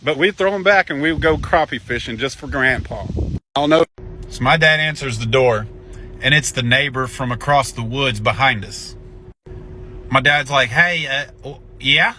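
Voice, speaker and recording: Bright-voiced young man telling stories. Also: medium pitch, normal speed. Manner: animated, folksy, profane. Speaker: storyteller. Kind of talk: casual storytelling.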